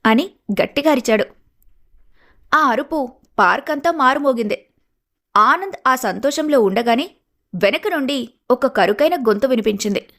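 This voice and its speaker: A woman delivering scripted narration for an animated story in a dramatic storytelling manner. Her voice sits fairly high. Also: moderate pace, long pauses.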